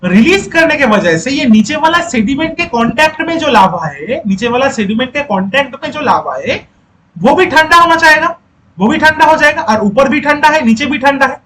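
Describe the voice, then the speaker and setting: A man's voice: very high-pitched, lively intonation, moderate pace, pushed and bright, a little hiss or hum, poor audio. A male teacher giving a lecture who repeats key points, quizzes the class and coaxes students to speak up.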